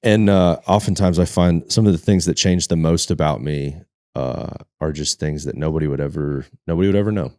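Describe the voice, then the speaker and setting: A man's voice: rumbling low, brisk, dark tone, no room sound, clean studio sound. A man hosting a podcast, talking casually and reflecting aloud. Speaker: podcast host. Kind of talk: casual conversation.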